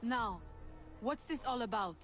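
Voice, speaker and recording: A woman voicing a calm, determined young heroine in a video game, speaking formally. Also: fairly high pitch, a little slow. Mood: firm. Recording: game audio with music behind.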